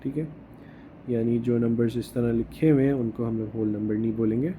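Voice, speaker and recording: A man's voice: mid-range voice, fairly even intonation, brisk, warm tone. A man teaching a math lesson, explaining step by step and often checking with his students. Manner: mixes Hindi and English, checks understanding with "okay?". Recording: faint background noise.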